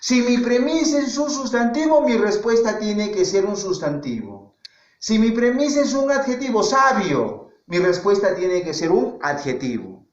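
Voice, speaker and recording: A man's voice: high voice, very animated, unhurried. A male teacher giving a classroom lesson, asking questions aloud and answering them himself, repeating key words for emphasis. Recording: echoey, dull lo-fi classroom recording.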